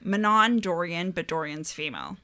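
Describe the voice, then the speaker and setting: A woman's voice: lowish voice, expressive, moderate pace, pushed and bright. A woman co-hosting an informal book chat, agreeable and happy to swear. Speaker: co-host of a book discussion show. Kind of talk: casual chat.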